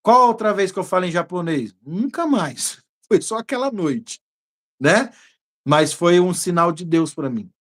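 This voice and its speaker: A man with a Brazilian Portuguese accent, a pastor preaching a teaching sermon and telling a personal story in a lively way. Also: sits high, unhurried. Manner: lively storytelling, bursts into praying in tongues.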